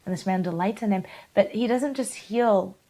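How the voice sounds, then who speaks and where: A woman's voice: medium pitch, moderate pace, warm tone. A woman hosting a podcast, enthusiastically retelling a Bible story in a chatty way with frequent restarts. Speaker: podcast host. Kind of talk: faith-based podcast conversation.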